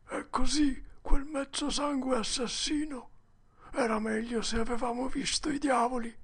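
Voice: sits high, fairly even intonation, unhurried, fairly bright tone, breathy edge, voice pushed up, full character voice. A storyteller voicing a frightened, superstitious young boy in whispered role-play, with a breathless, trembling whisper. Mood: panicked.

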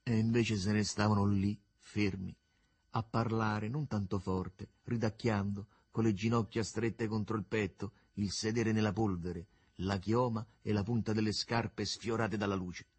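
A man narrating a literary novel with an expressive, swooping storytelling delivery. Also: fairly low pitch, a little slow, breathy edge.

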